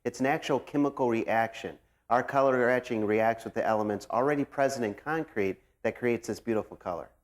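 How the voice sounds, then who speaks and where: A man's voice: mid-range voice, fairly quick, hardly any pauses. A man giving fluent, assured, rehearsed explanations as a company representative in an interview.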